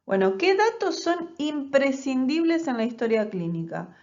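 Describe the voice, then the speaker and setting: A woman's voice: high voice, sing-song, measured pace, a little mellow. Woman, nursing lecturer, explanatory, rhetorical check-ins, muffled lo-fi audio. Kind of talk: recorded online class.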